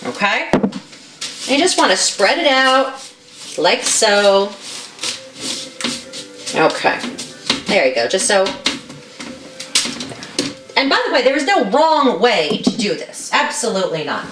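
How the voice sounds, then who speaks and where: A woman's voice: medium pitch, very animated, takes it slowly, pauses often, far from the mic, music in the background. Chatty woman in an echoey kitchen. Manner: chatty, encouraging, keeps checking in with "okay?". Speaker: co-host. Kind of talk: casual cooking demonstration. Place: home kitchen.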